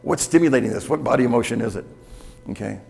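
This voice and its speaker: An older man with a gravelly edge speaks at a middle pitch, talking candidly and conversationally to a conference audience and often checking in with the room. His voice rings with the long reverb of a hotel conference hall. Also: fast, darkish tone. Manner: candid, conversational, with frequent "okay?" check-ins. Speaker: keynote speaker. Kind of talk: conference keynote talk.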